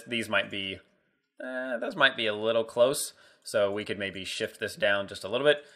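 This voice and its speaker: A man's voice: fairly low pitch, a bit bright. A man walking through a 3D modeling screencast tutorial in a casual way, thinking aloud as he works. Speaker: 3D modeling instructor.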